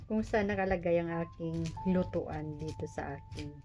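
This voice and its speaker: A Filipino woman in her forties, missing her front teeth, chats jokingly with viewers while preparing food in a small private room, poking fun at herself. Her voice is on the low side and moderately paced, with music in the background.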